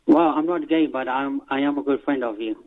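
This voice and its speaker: A man's voice: mid-range voice, fairly quick. Boastful male caller on a tinny line. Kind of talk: casual phone-in chat.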